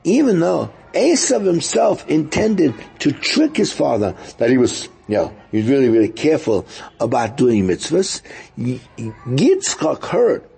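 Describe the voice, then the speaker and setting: Male rabbi for a scripture lecture; mellow but creaky, husky tone, explains haltingly and repeats key phrases. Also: medium pitch, sing-song. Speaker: rabbi giving a Torah lesson. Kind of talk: religious lecture, explaining texts.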